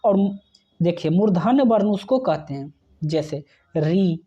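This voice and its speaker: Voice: mid-range voice, expressive, normal speed, dull audio. A teacher giving an exam-prep grammar lesson, who spells out sounds one by one and often checks in with the viewer.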